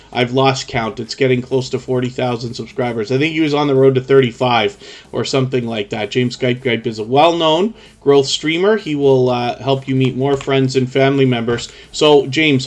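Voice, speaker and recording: A man hosting a live stream in a chatty way, explaining things in long, run-on stretches. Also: mid-range voice.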